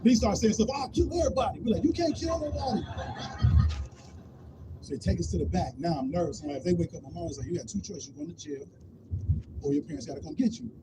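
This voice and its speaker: A man's voice: a little high, racing. A man telling a funny story in a loose, casual style, acting out what everyone said. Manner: animated, acts out quotes in different voices. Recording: noisy live stream.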